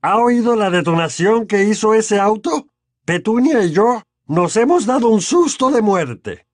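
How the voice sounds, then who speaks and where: A man voicing a furious, pompous middle-aged uncle in an audiobook, hoarse and blustering. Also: sits high, expressive, unhurried, no room sound, clean studio sound, voice pushed up. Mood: fake cheerful. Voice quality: hoarse, trembling with rage. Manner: blustering, bullying. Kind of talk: audiobook character voice.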